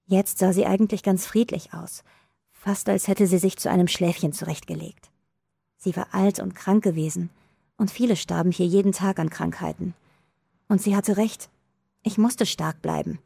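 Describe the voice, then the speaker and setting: A woman reading a first-person story as an audiobook narrator, calm, measured and somber. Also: fairly low pitch, creaky, breathy edge, no room sound.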